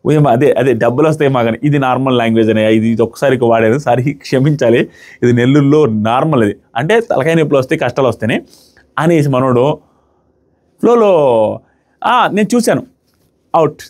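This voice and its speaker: Fast, high-voiced man. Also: darkish tone. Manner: sarcastic, acts out what people said. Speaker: show reviewer. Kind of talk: casual commentary review.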